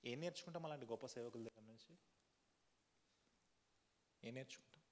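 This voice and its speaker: Pastor guy preaching n praying, mid pitch, long echo in the church hall. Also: fairly quick, darkish tone. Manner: earnest preaching, rhetorical questions to the congregation; repetitive fervent prayer cadence. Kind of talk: sermon with congregational prayer.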